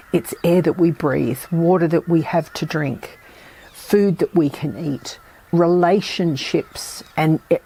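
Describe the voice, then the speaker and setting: Croaky, slow-spoken woman podcast host. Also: on the low side, mellow. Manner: measured, thoughtful, with pauses and restarts. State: croaky, recovering from a virus. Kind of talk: reflective solo podcast talk.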